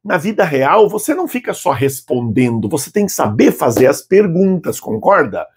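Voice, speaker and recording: A man in his fifties with a Brazilian Portuguese accent, teaching a video language lesson and patiently saying model phrases slowly for students to repeat aloud. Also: a little high, sing-song, darkish tone, slight background noise. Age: 50s. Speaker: Arabic teacher.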